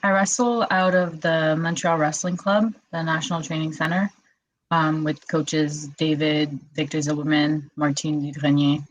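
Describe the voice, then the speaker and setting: A wrestler in her twenties from Quebec, Canada, chats casually as an interview guest, telling her story and saying "like" a lot. Her voice is low-pitched with little pitch movement and normal speed, and the recording is rough.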